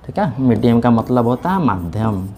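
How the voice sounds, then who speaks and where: Very animated and speaking at normal speed, a man with a medium-pitched, darkish voice gives a classroom lecture over faint background music. His explanations go step by step, "theek hai" comes up constantly, and he answers the questions he asks.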